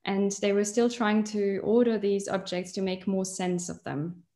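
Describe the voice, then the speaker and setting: A young woman from Switzerland gives an online lecture in an even, mid-pitched voice. She is a doctoral researcher speaking from a museum collection room, and she holds up specimens as she explains. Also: a little slow. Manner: explains while holding up specimens. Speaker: PhD researcher.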